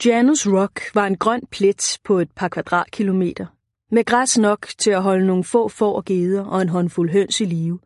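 A woman narrating an audiobook in a measured, even reading. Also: medium pitch, no room sound, clean studio sound.

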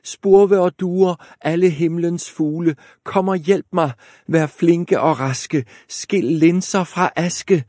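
A man doing the gentle girl Askepot. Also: medium pitch, vocal fry, no echo, studio quality, pitched above the performer's own voice. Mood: calling. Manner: slow sing-song calling. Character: young kind girl Askepot pleading.

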